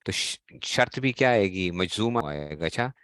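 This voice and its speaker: Male classroom teacher, Pakistani Urdu accent, low voice, question-and-answer delivery. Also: animated, moderate pace, a bit bright, clear, resonant tone, no room sound. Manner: explains in a question-and-answer style, quizzing students. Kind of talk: classroom grammar lesson.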